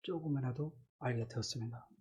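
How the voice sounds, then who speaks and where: A middle-aged man, a church deacon, gives an earnest, halting personal faith testimony during a church service, with many fillers. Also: mid-range voice, darkish tone, slightly rough. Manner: earnest, halting, many fillers, acts out his inner voices.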